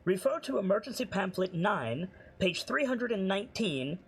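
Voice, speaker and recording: Man doing a robotic custodian drone, flat clipped announcements, husky, fairly high voice. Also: normal speed, full character voice. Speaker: game master.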